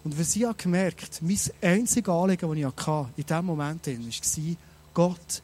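A man preaching a sermon, animated and speaking straight to his listeners with many rhetorical questions. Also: fairly high pitch, normal speed.

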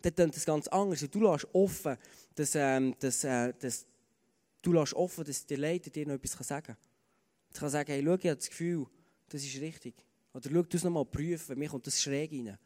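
A man's voice: fairly high pitch, brisk, darkish tone. A man with a Swiss German accent preaching a sermon in an earnest, conversational way, with many fillers and repeated starts. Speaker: pastor. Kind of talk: sermon with personal stories. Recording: long hall reverb.

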